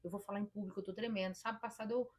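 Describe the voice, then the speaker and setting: A woman's voice: medium pitch, steady tone, rapid-fire, a little mellow. A woman therapist with a Brazilian Portuguese accent giving emphatic, demonstrative advice straight to the viewer. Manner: emphatic, demonstrative, quotes her own inner voice. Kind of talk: direct-to-camera advice talk.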